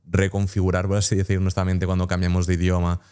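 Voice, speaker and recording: A man with a very deep, smooth and resonant voice. As the host, he leads the interview with long, searching questions. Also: monotone, quick pace, mellow.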